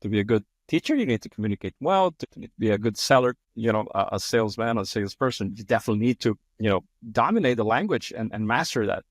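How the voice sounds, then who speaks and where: This podcast host is a man from Brazil who speaks English as a second language with a Brazilian Portuguese accent, conducting a conversational interview. His fairly low voice is expressive and quick, with few pauses, in clean studio sound free of room noise. Effusive by nature, he keeps restarting sentences and repeating words.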